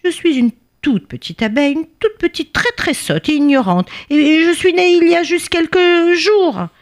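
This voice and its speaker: A woman voicing a tiny, newborn female bee who pleads with the king in a high, stammering voice. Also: expressive, normal speed. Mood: pleading. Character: tiny young female bee, timid and flattering.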